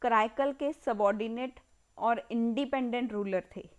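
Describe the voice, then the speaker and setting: A woman with an Indian accent giving an exam-prep history lecture, slowly repeating key terms as if dictating and mixing Hindi with English words. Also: fairly high pitch, muffled recording. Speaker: history teacher.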